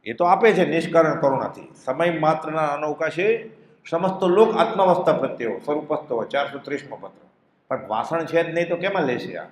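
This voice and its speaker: A male teacher of spiritual texts delivers an expressive, devotional discourse in a somewhat high voice. He fires off rhetorical questions and recites verses in a chanting tone. The sound carries the reverb of an echoey room. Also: fairly quick.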